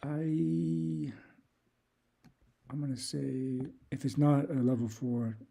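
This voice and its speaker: A man's voice: mid-range voice, takes it slowly, creaky, husky. A man streaming casual commentary, reading off a long list and thinking aloud with hesitant restarts. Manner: reads off long lists in a steady run. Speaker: YouTube creator.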